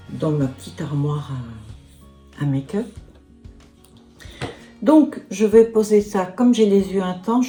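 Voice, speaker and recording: A woman in her sixties, a beauty vlogger, chats casually through a makeup tutorial and product review with a lowish, warm voice. She's chatty, dropping little asides and filling her talk with "hein" and "voilà".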